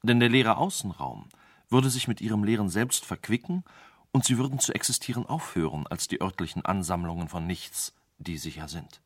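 A man's voice: lowish voice, animated, moderate pace, no room sound, clean studio sound. A man voicing a frightened wise man in a radio play, pleading and desperate for his life. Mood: explaining.

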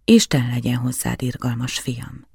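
A man reading as a croaky, solemn old professor. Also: medium pitch, flat delivery, warm tone, no echo, clean studio sound, full character voice. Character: elderly male professor, grave and solemn. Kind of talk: audiobook character reading.

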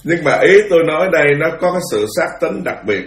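A man delivering a Buddhist sermon, moving between quiet asides and forceful outbursts. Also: fairly high pitch, expressive, quick pace, roomy sound. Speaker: Buddhist monk teacher.

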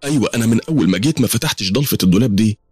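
A man's voice: fairly low pitch, expressive, rapid-fire, a little mellow, breathy edge, soft background music, pitched above the performer's own voice. A man with an Egyptian accent voicing an anxious young woman who talks to herself as she searches. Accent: Egyptian Arabic. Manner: nervous, talking to herself.

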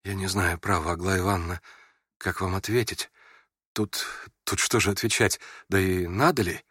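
A man reading aloud and voicing a gentle, timid young prince who speaks softly and hesitantly. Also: low-pitched, fairly even intonation, normal speed, no room sound, studio quality, pitched below the performer's own voice. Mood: shy earnest. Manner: soft, hesitant, stammering.

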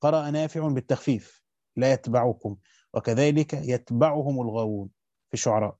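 A male Egyptian teacher with a medium-pitched, mellow voice rapidly reads classical Arabic from a Quran commentary, stopping for casual spoken asides in Egyptian Arabic. The sound is dry and dull, with no echo.

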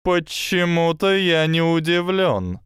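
A man's voice: fairly high pitch, animated, takes it slowly, a bit bright, clear, resonant tone, no echo, studio quality, voice pushed up. A man voicing a sardonic, scheming male snake that hisses its mocking advice. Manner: hissing, mocking, instructive.

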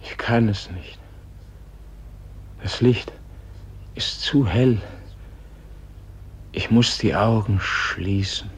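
An actor playing a dying, weary and pleading Gandhi in a solemn poetic radio play, grave and halting, with a husky, breathy voice. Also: male voice, fairly low pitch, full character voice. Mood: awed, faltering. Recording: dull, muffled old radio recording.

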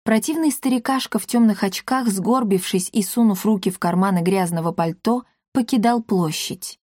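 A woman's voice: mid-range voice, normal speed, dark tone, no room sound, clean studio sound. Woman narrating a storybook. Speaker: audiobook narrator. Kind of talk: scripted narration.

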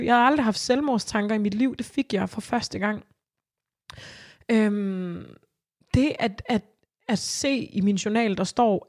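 A woman's voice: medium pitch, a little mellow. Earnest young woman recounting her story. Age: young adult. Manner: earnest, halting, frequent fillers and restarts. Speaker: interviewee sharing her own story. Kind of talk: personal testimony in a podcast interview.

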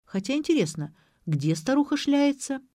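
Woman playing bossy young woman, emphatic and commanding, higher and louder than the narration, dry sound. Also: big pitch swings, moderate pace, no room sound. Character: bossy, energetic young woman, quick-tempered.

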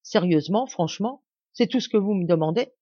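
A woman's voice: mid-range voice, animated, a little fast, dark tone, slightly rough, no room sound. A woman reading the lines of a wary, sly old male poacher, in a slightly dull, dry recording.

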